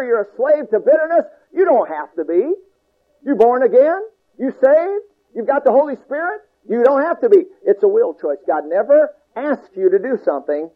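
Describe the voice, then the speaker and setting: A man with an unusually high voice preaches a sermon, driving his points home with emphatic, repetitive, folksy phrasing. The sound is thin and tinny, like an old radio broadcast.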